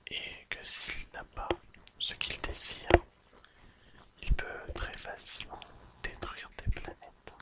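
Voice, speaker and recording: An ASMR video creator whispers a recap of an episode, reading carefully. When slips happen, the creator apologises and corrects them.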